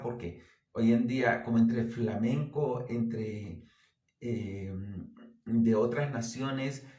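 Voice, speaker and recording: Man preaching in a roomy church. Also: medium pitch. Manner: earnest, exhorting, with lively anecdotes. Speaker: pastor. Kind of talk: sermon.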